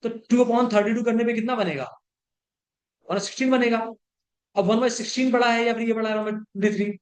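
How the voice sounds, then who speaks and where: A male chemistry teacher giving a classroom lecture. He keeps checking whether his students have understood, mixes English terms into his talk, and slows down to dictate before speeding up to explain. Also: extremely high pitch, fairly even intonation.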